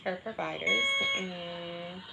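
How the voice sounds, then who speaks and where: A woman with a fairly low, gravelly voice chats candidly to her livestream in casual, slangy language. She is in a hospital room, with loud beeping alarm noise behind her. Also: slow. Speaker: livestream host. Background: beeping medical pump alarm.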